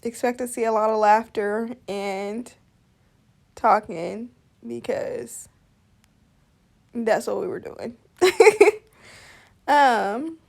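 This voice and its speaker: A woman's voice: fairly high pitch, takes it slowly, vocal fry, long pauses. A young woman chatting casually through a makeup tutorial voice-over, easygoing and talking through each step. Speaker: makeup artist.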